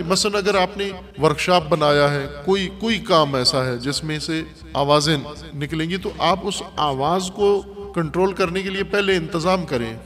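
A man's voice: fairly high pitch, fairly bright tone. Emphatic man lecturing in a reverberant hall. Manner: emphatic, with rhetorical questions. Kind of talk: moral lecture to students. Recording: long hall reverb, faint music behind.

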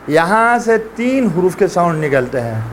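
A man's voice: high-pitched, big pitch swings, a little hiss or hum. A man teaching Quran letter pronunciation in a classroom, drilling sounds aloud and coaxing students to repeat. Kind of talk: classroom tajweed lesson.

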